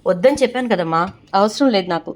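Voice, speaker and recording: Stern shouting patriarch, as a woman reads him. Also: medium pitch, animated, fast talker, close to an everyday voice. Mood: angry. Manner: scolding, shouting. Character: stern angry middle-aged family patriarch.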